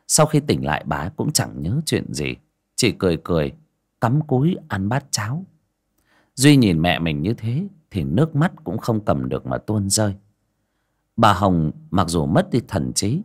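Male audiobook narrator, low and lively, expressive storytelling.

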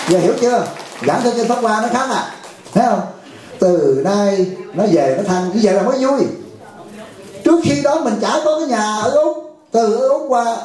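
A man's voice: high voice, darkish tone. A man giving a joking, conversational Buddhist dharma talk at a retreat, often asking the audience "right?". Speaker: Buddhist teacher. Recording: very echoey hall.

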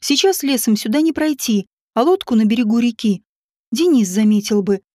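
A woman's voice: on the high side, expressive, normal speed, a little mellow, no room sound. A woman voicing a wry, reserved woman who runs a guesthouse, in an audiobook, with a dry, mildly mocking manner.

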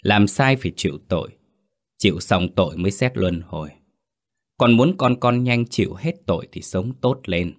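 A man voicing a calm Buddhist exorcist master in a spoken ghost story, measured and admonishing. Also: fairly low pitch, lightly acted. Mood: solemn.

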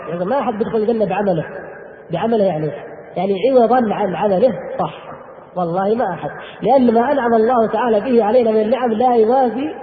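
A man giving a religious lecture, firing rhetorical questions and answering them emphatically. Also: high-pitched. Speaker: preacher. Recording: echoey hall over a phone-like line.

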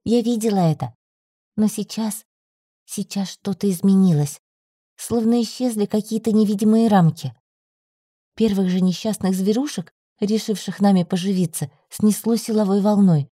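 A woman reading an audiobook in an even, measured way. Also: medium pitch, dry recording, studio quality. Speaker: audiobook narrator. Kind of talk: scripted narration.

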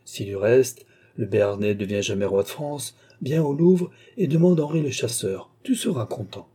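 A man reading the part of a calm, dignified nobleman officer in an audiobook. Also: medium pitch, breathy edge. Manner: measured, dignified, firm.

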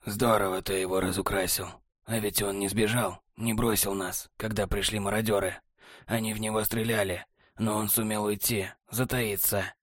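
A man voicing a cold, scornful male traitor, speaking low and hushed with open contempt. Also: little pitch movement, moderate pace, no room sound, studio quality. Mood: contemptuous. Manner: low, hushed, sneering delivery.

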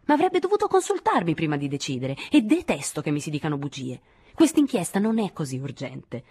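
A woman reading an audiobook, voicing an angry, sharp-tongued young woman who lashes out with biting remarks. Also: very animated, brisk, breathy edge, dry recording, clean studio sound. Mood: shouting. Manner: aggressive, shrill outbursts.

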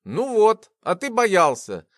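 An eager, playful young girl with a lively, sing-song lift to her voice, put on by a male narrator. She is insistent and bubbly, and the sound is close and dry. It is an audiobook character voice. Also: fairly low pitch, moderate pace, no room sound.

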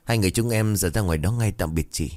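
A man's voice: low voice, quick pace, darkish tone, no room sound, clean studio sound, natural voice. A man voicing a polite young man who speaks courteously to villagers.

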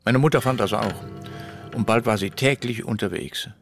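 A man voices a wry, deadpan radio-play storyteller with a gravelly, low voice. He lays out a grim story flatly, with dark humor. The telling stays dry and unhurried. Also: soft background music, lightly acted. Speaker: radio drama actor. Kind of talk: radio drama acting.

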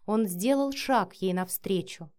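A woman narrating a story in scripted, even audiobook delivery. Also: medium pitch, measured pace.

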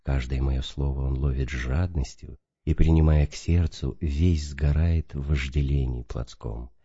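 A man reading the part of a sly male demon who reports to Satan, in a low, even storytelling tone. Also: unhurried, husky, full character voice. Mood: boastful. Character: sly male demon, boastful then fearful. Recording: dull lo-fi recording.

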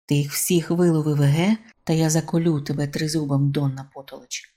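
Insulting, threatening rival fisherman, read by a woman; low and dark storybook read. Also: flat delivery, brisk. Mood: hostile. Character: hostile foreign rival fisherman man.

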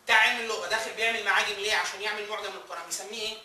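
A man's voice: sits high, steady tone, racing, sharp tone, a little hiss or hum. A man with an Egyptian Arabic accent giving a classroom lecture, firing questions at the class and answering them himself. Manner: quizzing the class, answering his own questions. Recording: echoey room recorded from a distance.

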